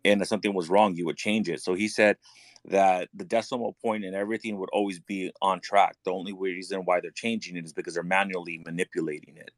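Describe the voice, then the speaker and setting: A man on a casual group voice call, passing along what he has heard in a relaxed, matter-of-fact way. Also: low-pitched, fast talker, no echo.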